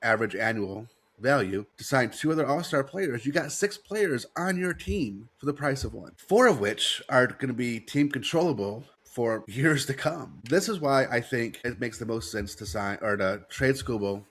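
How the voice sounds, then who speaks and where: Congested from a head cold and mouth-breathing, this American man hosts sports talk, repeating points to drive them home. His stuffy, husky, fairly bright mid-range voice moves at normal speed with lively intonation and hardly any pauses.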